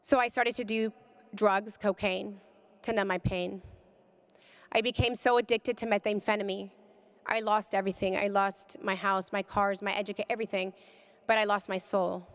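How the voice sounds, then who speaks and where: A woman giving an impassioned personal testimony, speaking with deep feeling and rising to cries at its peaks. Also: fairly even intonation, moderate pace, long reverb tail. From California. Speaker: pro-life speaker. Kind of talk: emotional testimony talk.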